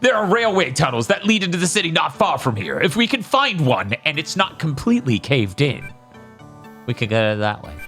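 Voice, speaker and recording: A man's voice: a little high, very animated, fairly quick, a bit bright, faint music behind. A man reading aloud the lines of earnest, weary video game heroes. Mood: grave, determined.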